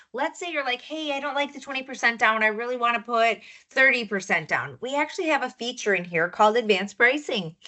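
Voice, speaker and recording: This is a young woman walking a group through marketing tools on screen. Her voice is bright and sits in a middle range. She talks in a chatty, upbeat way and keeps checking in with "right?". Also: medium pitch. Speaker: marketing trainer for loan officers. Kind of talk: product demo walkthrough.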